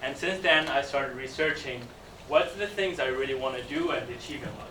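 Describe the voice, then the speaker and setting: A young man from Tunisia giving a student presentation, pausing often with fillers as he speaks in a lecture room. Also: mid-range voice, background noise. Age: young adult. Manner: hesitant, many fillers. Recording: echoey room, mic from a distance.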